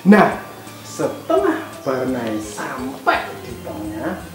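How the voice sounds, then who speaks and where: A woman telling a Bible story to children at an online church service, gently asking them questions along the way. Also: a bass voice, wildly swooping pitch, slow pace. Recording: echoey room with music behind.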